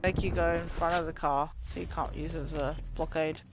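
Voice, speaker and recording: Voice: mid-range voice, flat delivery, fairly quick, background noise. A tired game streamer chatting casually while playing, mumbling and rambling with plenty of swearing. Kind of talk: casual live-stream chat while gaming. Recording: gunfire from the game behind the voice.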